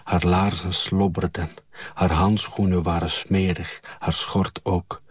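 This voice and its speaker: Slow husky male storyteller. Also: low-pitched, no room sound, studio quality. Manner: calm, measured storytelling. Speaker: audiobook reader. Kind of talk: scripted narration.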